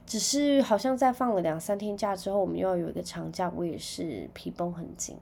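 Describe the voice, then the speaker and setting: A young woman with a Taiwanese Mandarin accent hosts a podcast, telling stories in a chatty way with sudden loud outbursts. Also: fairly low pitch, a little fast, vocal fry, a little hiss or hum. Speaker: podcast host. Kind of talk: casual chat.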